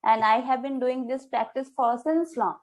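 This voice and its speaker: A woman, her voice fairly high. She is friendly and easygoing in a practice conversation, quick to laugh and to answer with short okays. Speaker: English teacher and channel host.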